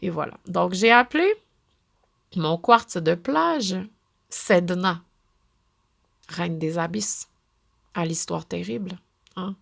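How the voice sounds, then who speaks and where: Gravelly-voiced Québécois woman podcaster. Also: fairly low pitch, slow pace, long pauses. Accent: Québécois French. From Quebec. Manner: chatty, full of fillers and restarts, expressive. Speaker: podcast host. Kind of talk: casual spoken monologue.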